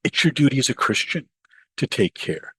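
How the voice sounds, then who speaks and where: A middle-aged Pakistani author and professor talks animatedly in an interview conversation, often saying "you know" and acting out other people's voices. His medium-pitched voice is husky and fairly bright, very animated at a moderate pace, with no echo.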